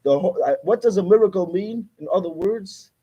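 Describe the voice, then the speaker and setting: High husky man teaching emphatically. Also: fairly quick, highs cut off. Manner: emphatic, repeats key points while explaining. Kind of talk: Torah class lecture.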